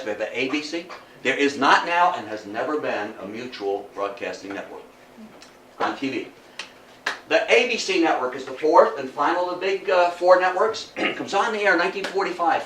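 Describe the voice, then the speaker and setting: A guest lecturer from America gives a public history lecture to a live audience indoors, his higher-pitched voice a bit bright. He is emphatic, repeats himself for effect, and draws in listeners with questions. The echoey room is captured by a distant mic, with faint background noise.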